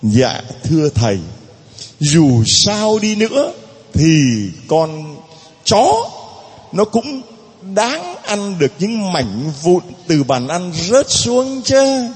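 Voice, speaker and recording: A man's voice: high voice, very animated, extremely slow, slightly rough, in a large hall, exaggerated voice. A priest voicing a humble foreign mother who keeps begging for her child as he retells a story in his sermon. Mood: pleading. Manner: imploring, insistent.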